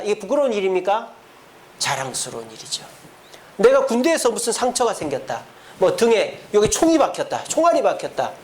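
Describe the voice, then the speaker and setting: A man's voice: sits high, slight background noise. A man preaching a Sunday sermon as pastor, speaking directly to his congregation with many rhetorical questions. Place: church sanctuary.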